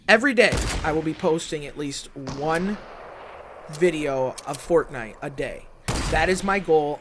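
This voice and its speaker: A man who makes gaming videos, telling his viewers a story in a rambling, excitable way, full of fillers like "you know" and "like". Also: mid-range voice, noisy background. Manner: animated, excitable retelling.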